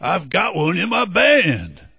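A man voicing a giant, laid-back, funky male octopus in a children's audio story, with a gravelly, drawling, slangy way of talking. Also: high voice, big pitch swings, slow, pushed and bright, no room sound, studio quality, exaggerated voice. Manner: cool, easygoing, slangy.

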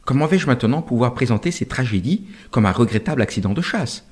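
A man voicing a shrewd army general who talks in a measured, conciliatory way. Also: medium pitch, lively intonation, darkish tone, natural voice.

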